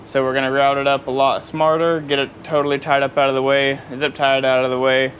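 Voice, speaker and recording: A man's voice: medium pitch, level tone, brisk, lo-fi sound, slight background noise. Tired, rambling guy working on a truck. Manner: rambling, easygoing, with many fillers and laughs. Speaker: vlogger working on his truck. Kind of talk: casual off-the-cuff vlog talk. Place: outdoors beside a truck in hot weather.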